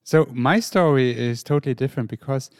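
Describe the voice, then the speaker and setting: A man from Germany with a mid-range voice, telling his story at a measured pace as a podcast guest. The sound is dry and close, with no room echo. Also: mid-range voice, a little mellow. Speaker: guest and co-author. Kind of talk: podcast conversation.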